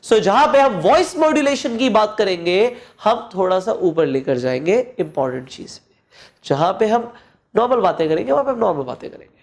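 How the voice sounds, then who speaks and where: A man teaching presentation skills, speaking in deliberate pauses and swinging his voice up and down to stress points. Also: very animated. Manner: deliberate pauses and swings in pitch to show modulation; repeats phrases for emphasis, addresses listener directly. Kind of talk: coaching lesson mixing Hindi and English.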